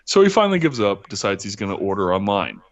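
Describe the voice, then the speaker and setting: Animated swearing man telling a story. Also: on the low side, fast talker. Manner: animated, swearing often, laughing through the story. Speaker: podcast host. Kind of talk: casual storytelling chat. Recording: dull lo-fi recording.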